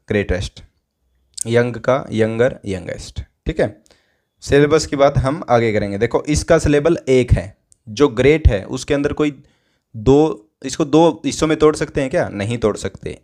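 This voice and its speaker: Brief: male grammar teacher, mid-pitched, methodical lesson delivery, slows right down on example sentences and drops low and soft when running through word lists. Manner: explains step by step, asks and answers his own questions; drawls out English example sentences slowly.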